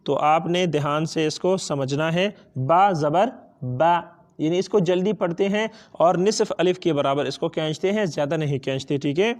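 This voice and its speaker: A man teaching Quran reading step by step speaks on the high side with few pauses and a Pakistani accent. He patiently asks and answers his own questions, stretches out letter sounds, and switches between two languages.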